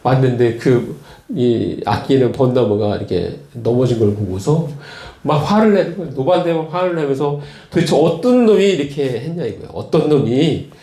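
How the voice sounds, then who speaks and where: A male pastor preaching a sermon, retelling stories slowly with frequent fillers and repeated words. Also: mid-range voice, animated, mellow, reverberant. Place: church.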